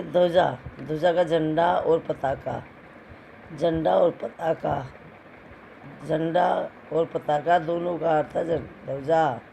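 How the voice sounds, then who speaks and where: A man's voice: a little high, vocal fry, warm tone, a little hiss or hum, poor audio. A male primary school teacher giving a recorded lesson to young pupils, patient, repeating words and answering his own questions.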